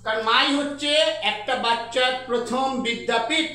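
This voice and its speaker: A young man teaches grammar in a high, bright voice, repeating each sound slowly so students can copy it. He is recorded from a distance in a very echoey room. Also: steady tone. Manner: slow, repeats sounds to drill pronunciation. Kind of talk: grammar lesson.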